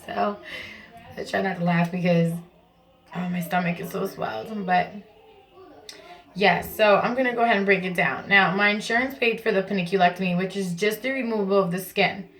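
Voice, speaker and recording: Female vlogger, casual and chatty, mid-range voice with heavy creak, informal explainer delivery to camera. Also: mid-range voice, fairly even intonation, moderate pace, a bit bright. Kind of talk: casual vlog talk to camera. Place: at home in a bathroom.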